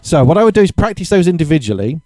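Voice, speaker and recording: A man giving a casual drum lesson, chatty and relaxed, correcting himself and counting beats aloud, with drums played between his explanations. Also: a little high, rapid-fire, loud music behind the voice. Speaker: drum teacher. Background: drumming between explanations.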